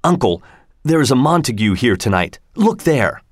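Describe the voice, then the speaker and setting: A man's voice: mid-range voice, sing-song, normal speed, dry recording, studio quality. Tybalt, a man voicing a fiery young nobleman. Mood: angry. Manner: angry, clipped.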